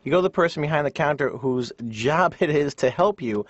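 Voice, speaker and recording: An actor playing a cartoon therapy patient, ranting in an exasperated stand-up style, recorded dull and dry. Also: male voice, on the high side, animated, a little fast, dry recording. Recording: dull dry lo-fi studio track.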